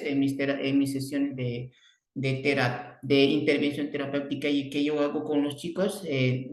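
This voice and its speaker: Man, Bolivian Spanish accent, speech therapy lecture, halting repetitions, echoey room. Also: a little mellow. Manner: repeats and restarts words, acts out children's emotions with sudden high exclamations. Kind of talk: online class lecture.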